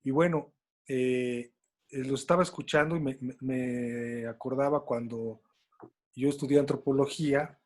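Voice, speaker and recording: A man's voice: medium pitch, steady tone, a little slow. A man with a Mexican accent moderates a panel talk in a loose, colloquial way and tells stories along the way. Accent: Mexican Spanish.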